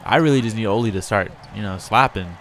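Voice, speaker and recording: A man hosting a casual gameplay commentary, chatty and talking straight to his in-game players, with bursts of excitement. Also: on the low side, quick pace, slight background noise. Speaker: gamer and channel host.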